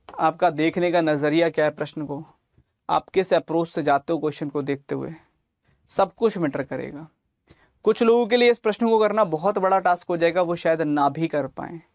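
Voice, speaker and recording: A man's voice: high voice, no room sound, studio quality. A man teaching exam reasoning online, working through calculations step by step and fondly calling students lalla and mere lal, mixing English terms into his talk. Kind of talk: online exam coaching lesson.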